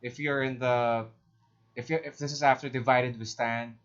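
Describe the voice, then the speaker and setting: A man chatting as a podcast co-host. His talk is loose and profane, full of bro and dude. His voice sits at a middle pitch, and the recording is dull and lo-fi. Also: steady tone, moderate pace, a bit bright. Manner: casual, swears, says "bro" and "dude". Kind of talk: casual chat. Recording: dull lo-fi sound.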